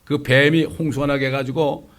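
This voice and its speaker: A middle-aged man preaching a conversational sermon as a pastor, lively and full of rhetorical questions. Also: mid-range voice, normal speed. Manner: lively, asks rhetorical questions, acts out quotes.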